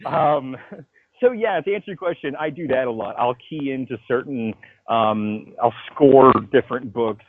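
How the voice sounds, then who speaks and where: Interviewed over the phone about his comics, a male writer tells profane, slang-filled stories in a lively, casual conversation. He speaks at medium pitch and a moderate pace. The audio is dry, narrow and tinny.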